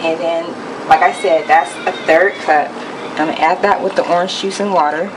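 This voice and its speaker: A young woman giving a relaxed, step-by-step cooking demonstration in her home kitchen. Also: fairly low pitch, normal speed. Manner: relaxed step-by-step explaining with fillers. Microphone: camera held over the counter. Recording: loud kitchen noise behind voice. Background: pots, pans and sizzling.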